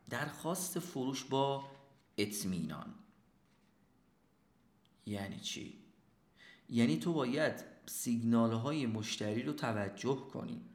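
A man giving a sales lesson, lively, often asking and answering his own questions. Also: mid-range voice, roomy sound. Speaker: sales trainer. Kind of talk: instructional talk.

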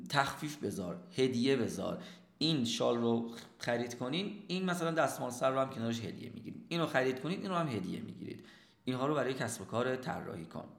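A man giving a sales lesson, lively, often asking and answering his own questions. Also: medium pitch, gravelly, roomy sound. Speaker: sales trainer. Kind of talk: instructional talk.

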